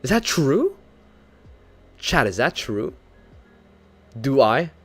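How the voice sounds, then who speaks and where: Faint music plays behind a husky, medium-pitched man speaking slowly. He's a young VTuber from the Philippines with lightly North American-leaning English, casually chatting with his stream audience, laughing often, poking fun at himself, and growing lively as he retells stories.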